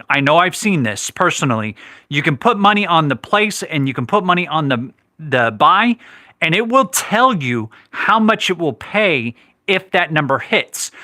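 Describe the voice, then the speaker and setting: A man's voice: a little high, pushed and bright, no echo, clean studio sound. A man hosting a live craps stream, chatting casually, reading viewer comments and correcting himself, while he has the hiccups. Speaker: livestream host.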